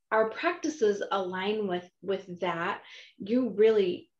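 A woman's voice: medium pitch, a little mellow, roomy sound, dull audio. A woman hosting a conversational podcast interview, chatty and enthusiastic, with frequent fillers and restarts. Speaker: podcast host.

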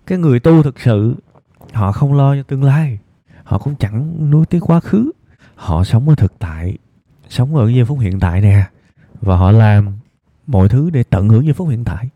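Hosting an evening advice programme, this southern Vietnamese-accented man addresses listeners thoughtfully, keeping his delivery subdued, slow and deliberately low. There's no echo, and the audio sounds thin and narrow, as if heard over a phone.

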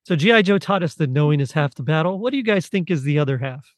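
A man talking as a podcast guest in a casual chat, chatty and quick to laugh. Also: a little high, lively intonation, no room sound, studio quality.

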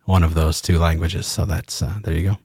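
A man's voice: extremely low pitch, flat delivery, a little fast, a little mellow, breathy edge, dry recording, clean studio sound. A man co-hosting a board game podcast in casual chat, rambling and joking, swearing freely. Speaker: podcast co-host.

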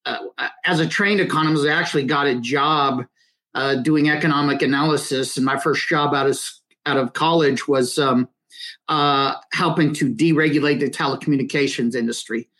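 A middle-aged man from Western Nebraska, a podcast guest, telling his career story in a relaxed, hesitant way. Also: on the high side, normal speed. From Western Nebraska, USA. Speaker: podcast guest, finance consultant. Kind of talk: conversational interview.

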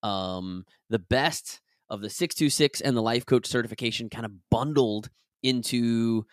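A man in the middle of his usual range, talking on his own podcast with a raspy voice left over from being sick. He is upbeat and eager and wanders a little as he chats. Then he moves into reading from his own book. The sound is close and dry, with no room around it. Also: mid-range voice, measured pace, dry recording. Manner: upbeat and enthusiastic; chatty and rambling. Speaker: podcast host and business coach.

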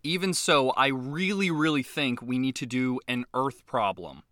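A man's voice: mid-range voice, measured pace, fairly bright tone, dry recording, clean studio sound. A man hosting a comedic advice show, talking earnestly and sometimes sounding exasperated. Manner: earnest, exasperated, eager to please.

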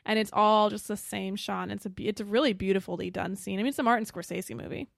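A woman co-hosts a relaxed podcast chat, rambling and wry as she talks through a film. Her voice sits at an ordinary pitch and sounds dry and close to the mic. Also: fast talker, creaky, no echo. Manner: chatty, wry, trails off and restarts. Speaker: podcast co-host. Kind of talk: casual film discussion chat.

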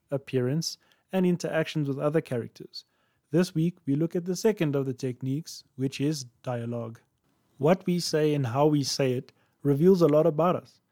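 A man hosts a podcast with a scripted, playful delivery and jokey asides. His voice sits a little high but sounds warm and mellow. The sound is close and dry, with no room echo. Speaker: podcast host.

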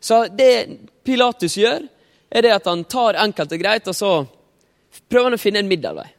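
A man's voice: high voice, expressive. A man preaching a sermon, retelling a story vividly and acting out the quotes. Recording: long reverb, faint music.

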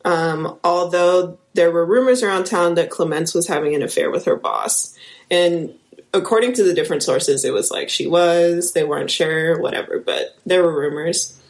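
A woman's voice: lowish voice, normal speed, darkish tone. Midwestern woman narrating a true-crime case. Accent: Midwestern American. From American Midwest. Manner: reads case notes with filler ums and asides. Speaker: podcast co-host, lead investigator.

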